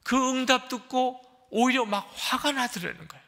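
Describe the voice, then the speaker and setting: In a reverberant church hall, a male pastor preaches a sermon, telling stories earnestly and emphatically with dramatic shifts. His voice is extremely high-pitched and sharp, delivered at a moderate pace.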